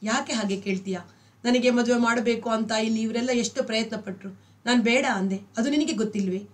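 An aloof husband in a storybook reading, flat and unmoved, stating things like a lawyer closing a case, as a woman narrator puts him on. The reader's voice stays fairly high and sounds distant from the mic. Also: brisk, close to an everyday voice. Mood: detached. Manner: flat, matter-of-fact.

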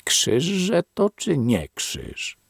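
An eager, curious young man, as a male audiobook reader puts him on, raised in pitch and quick to exclaim. His voice is a little husky and lively in melody, and the recording is dry. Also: no room sound, heavily acted. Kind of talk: audiobook character reading.

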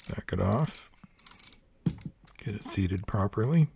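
A man's voice: lowish voice, lively intonation, takes it slowly, creaky, noisy background. An older man giving a hands-on tool review in a plain-spoken, practical way with dry asides. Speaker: product reviewer. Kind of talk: hands-on product review narration. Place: workshop table.

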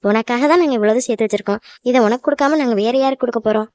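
A woman's voice: on the high side, racing, no echo, lightly acted. A woman voicing a worried, loving cartoon mother who fusses and pleads with her newly married daughter. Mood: fussing. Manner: fussing, emotional, pleading. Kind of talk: cartoon voice acting.

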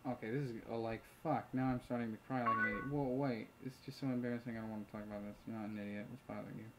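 Reading chat messages aloud in a rapid-fire, fairly even mid-range voice, this let's play host mutters asides and swears freely while casually commentating a chat game. The audio is very noisy, with loud keyboard clicking and typing in the background.

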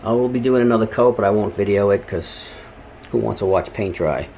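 A man's voice: lowish voice, fairly quick, dark tone. Middle-aged man, casual DIY vlog talk, easygoing and jokey, camera mic in a house, faint hiss. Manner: easygoing, joking, chatty. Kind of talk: casual home-project vlog. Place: staircase in a home, indoors.

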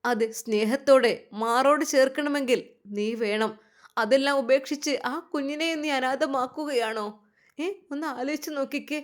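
A woman voicing a tender, earnest young husband with a Malabar Malayalam accent, gently urging. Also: high-pitched, normal speed, pitched above the performer's own voice, lightly acted.

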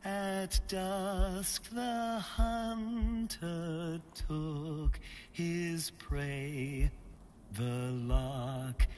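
A woman singing a slow, soft lullaby. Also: fairly low pitch, fairly even intonation, faint music behind. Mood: tender.

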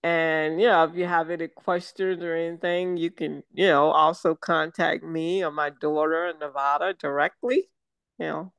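An older woman from the American South, a guest chatting over a video call, talking slowly and wandering with many fillers and restarts. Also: low voice, steady tone, vocal fry, clean tone, no room sound. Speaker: guest, syrup maker.

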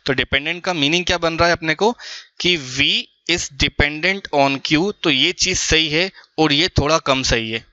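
Indian male physics teacher, bright, crisp voice, patient classroom lecture. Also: a little high, measured pace, no room sound, muffled recording. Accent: Indian English. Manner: explains patiently, often asks the students to follow along.

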